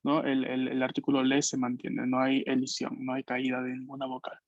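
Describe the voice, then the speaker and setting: A man's voice: mid-range voice, completely flat delivery, a little fast, no room sound, highs cut off. A man teaching an online language class, explaining patiently and checking in with frequent questions. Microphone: video call.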